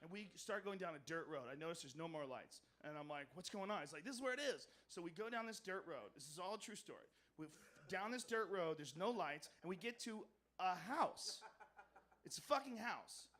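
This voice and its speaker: A man doing stand-up comedy on a club stage, telling a story loudly and profanely, with mumbled asides and shouted punchlines. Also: on the high side, lively intonation, normal speed.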